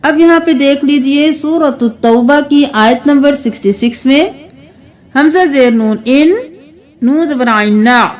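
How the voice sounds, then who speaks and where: Woman, high-pitched, Quran recitation teacher, patient instructive tone, spells out letters slowly. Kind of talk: Quran reading lesson.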